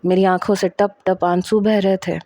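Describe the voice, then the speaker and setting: Female narrator for a dramatic first-person romance read, warm and dark, recorded dry and close. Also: mid-range voice, flat delivery, dry recording. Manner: dramatic, emotional reading with acted dialogue. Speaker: storyteller.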